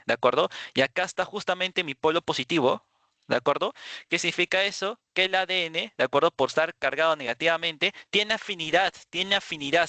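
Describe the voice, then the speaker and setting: A man's voice: on the high side, sharp tone, no room sound. A man teaching a workshop class from slides. He keeps checking in with his listeners and repeats words as he goes. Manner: checks in constantly with "de acuerdo"; repeats words, small restarts. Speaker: workshop instructor. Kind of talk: lecture with slides.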